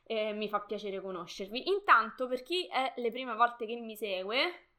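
A woman's voice: fairly high pitch, lively intonation, moderate pace, bright, forceful tone. A young woman hosting a live stream, chatting casually with viewers, greeting them by name and laughing often.

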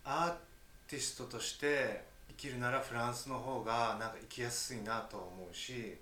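A man's voice: mid-range voice, steady tone, moderate pace, pushed and bright. A man, an actor guest, chats informally and thinks aloud with lots of fillers, in a middle register. His voice carries the echo of the room. A faint hiss runs underneath. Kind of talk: casual chat. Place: room in Paris.

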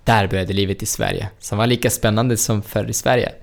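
Gravelly young man. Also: on the low side. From Syria. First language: Arabic. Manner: animated, laughing storyteller with broken Swedish. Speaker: guest. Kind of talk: storytelling interview.

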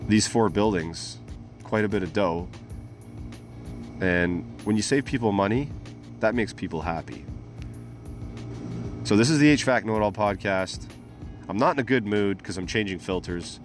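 A man with a low voice records a casual podcast intro outdoors on a rooftop. He rambles along informally as the host, talking straight to his listeners, with some music in the recording. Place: outdoors on a rooftop at a job site.

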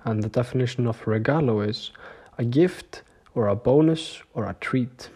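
A young man keeps a casual video diary, speaking straight to his viewers at a middle pitch. He rambles through his stories, leans on filler words and laughs now and then. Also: normal speed, warm tone, husky. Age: young adult. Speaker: vlogger.

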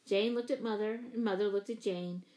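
A woman narrating a children's novel in a clear, measured storytelling manner. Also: medium pitch, steady tone, warm tone, low-quality recording. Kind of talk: audiobook narration.

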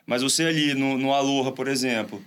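A man's voice: mid-range voice, steady tone, brisk, fairly bright tone, smooth. A man in a casual podcast chat, enthusiastic and playful, often restarting his phrases. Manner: enthusiastic, playful, repeats phrases while searching for words.

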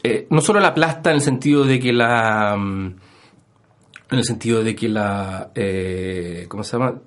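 A man's voice: lowish voice, a little slow. Chilean man explaining with many fillers. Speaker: historian guest. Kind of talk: radio interview. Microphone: studio microphone.

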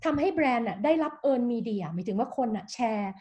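Woman interview guest with a high voice, animated and persuasive, keeps asking "right?". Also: normal speed. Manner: lively, persuasive, checks in with "right?" often. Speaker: guest, managing director of a design firm. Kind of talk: explanatory interview talk.

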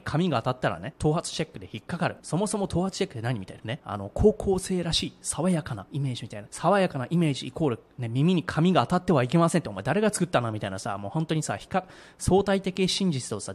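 A middle-aged man giving a blunt, slangy monologue, stringing ideas together with repeated "equals" chains. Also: mid-range voice. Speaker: commentator. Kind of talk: casual monologue on culture and values.

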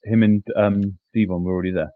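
A low-voiced man chats as a podcast co-host over a thin, phone-like connection with no room sound. He is conciliatory and feels his way through his sentences. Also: steady tone, quick pace, no echo. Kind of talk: casual discussion. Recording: dry, tinny phone-like line.

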